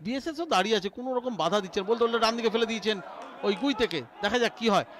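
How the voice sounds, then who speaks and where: A man giving excitable live football commentary that builds to shouted calls. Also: sits high, very fast. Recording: outdoor crowd noise behind the voice. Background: outdoor stadium crowd.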